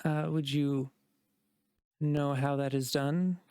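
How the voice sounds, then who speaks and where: A man's voice: a little high, steady tone, darkish tone, smooth, dry recording. Man voicing a sleepy, hesitant young elf shopkeeper. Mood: wary. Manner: hesitant and halting, full of ums.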